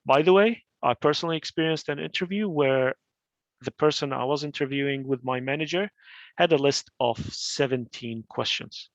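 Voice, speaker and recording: Over a video call, a man from Iraq offers career advice in a casual talk, speaking at medium pitch and normal speed. He keeps using fillers and restarting sentences as he advises, and the sound is dull but echo-free.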